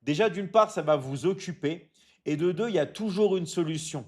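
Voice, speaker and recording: Male live-stream host, slightly high-pitched, motivational coach tone, repetitive and halting. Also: darkish tone. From Michigan. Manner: repeats "d'accord?" often, stumbles and restarts, coaching tone; reads out viewer comments and answers them. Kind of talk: casual live stream chat.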